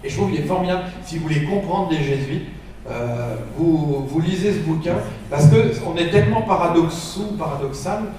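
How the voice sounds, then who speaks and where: A man who is a Jesuit priest giving a lively, playful conference talk to school staff. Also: a little high, normal speed, a little hiss or hum. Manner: animated, playful, makes buzzing sound effects.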